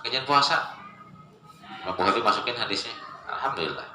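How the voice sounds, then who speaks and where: A man giving a casual religious study lecture, joking and animated, mimicking voices as he quotes people. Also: mid-range voice, a little fast. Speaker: Islamic preacher. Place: lecture space with a live gathering. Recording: echoey room with ambient noise.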